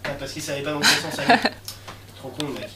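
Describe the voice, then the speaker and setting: A young man performing a comic monologue in slangy street talk, breaking into sudden shouts. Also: on the high side, steady tone, quick pace. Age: young adult. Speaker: stand-up comedian. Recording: echoey room, far mic, faint noise.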